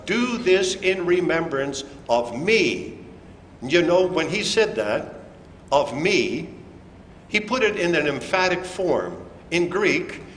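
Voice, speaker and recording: Pastor guy preaching real slow and emphatic, long church echo, bit of room noise. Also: on the high side, a bit bright. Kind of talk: communion sermon. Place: church sanctuary. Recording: echoey church hall with faint room noise.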